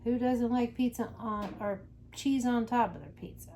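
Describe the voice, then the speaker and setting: A woman's voice: a little high, normal speed, mellow. A woman chatting casually to her viewers while cooking in a home kitchen. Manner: chatty, friendly, addresses viewers as guys. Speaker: cooking vlogger. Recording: noisy home recording.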